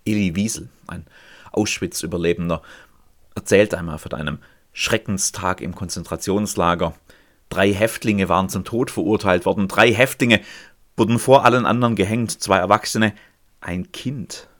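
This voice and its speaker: A man preaching a sermon, swinging between loud cries and hushed, almost whispered lines. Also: low-pitched, normal speed.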